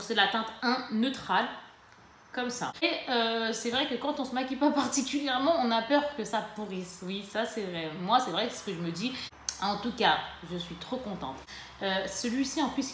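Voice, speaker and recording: A woman chatting casually to camera in a beauty haul, lively and full of fillers and self-corrections. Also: a little high, moderate pace. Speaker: beauty vlogger. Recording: echoey room with faint ambient noise.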